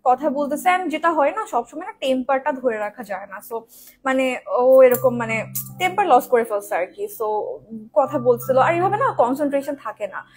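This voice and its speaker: A woman with a hoarse voice, talking loudly in casual chat while doing a makeup tutorial on a live stream. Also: high voice, expressive, normal speed, soft background music. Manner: talks loudly, habitually projecting her voice. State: hoarse from daily loud talking.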